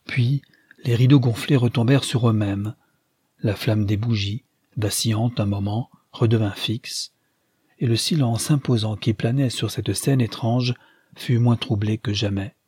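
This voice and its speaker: A man narrating a classic novel in a measured, solemn audiobook reading. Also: fairly low pitch, fairly even intonation, a little mellow, slightly rough, dry recording, clean studio sound.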